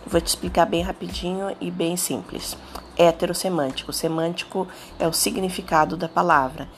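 Low-voiced Brazilian woman teaching Spanish. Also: steady tone, moderate pace, a little hiss or hum. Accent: Brazilian Portuguese. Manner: patient, with frequent "tá?" and "né?" checks. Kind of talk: explanatory language lesson.

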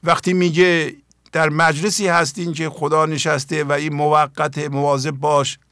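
An older man gives a spiritual teaching talk, earnest and full of direct questions to his listeners. His voice sits a little high and has a gravelly edge. The recording is close and dry. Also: little pitch movement, fairly bright tone, no room sound. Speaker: spiritual teacher and program host.

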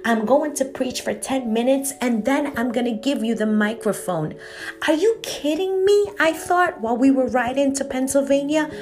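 A woman's voice: high voice, normal speed, darkish tone, faint music behind. A young adult woman from Guatemala hosting her own evangelist podcast, telling her personal testimony in an earnest, preacherly way.

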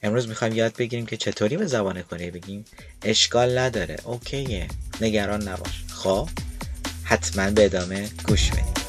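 A man teaching an online language lesson, explaining and slowly demonstrating pronunciation step by step. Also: on the low side, over music. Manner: slow, careful pronunciation demonstrations.

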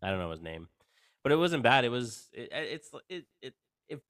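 A man's voice: mid-range voice, very animated, moderate pace, fairly bright tone, dry recording, studio quality. A man co-hosting a podcast, chatting casually about TV series in an easygoing way, often restarting his sentences. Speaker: podcast co-host. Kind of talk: casual chat about films and TV.

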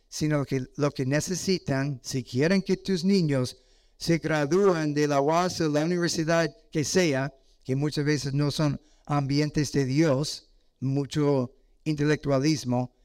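An older man preaching a sermon with an animated, exhorting manner, acting out voices. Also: fairly high pitch, no room sound, clean studio sound.

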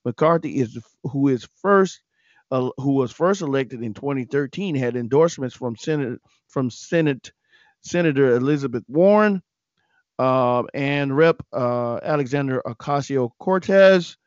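A man's voice: medium pitch, expressive, a little slow, no room sound, muffled recording. A man from South Carolina hosting a political news podcast in a chatty way, talking to listeners as folks and reading election results. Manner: chatty, addresses listeners as folks, many fillers. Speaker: podcast host.

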